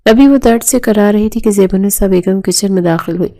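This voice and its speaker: A woman narrating a romance novel aloud in a steady, even reading. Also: medium pitch.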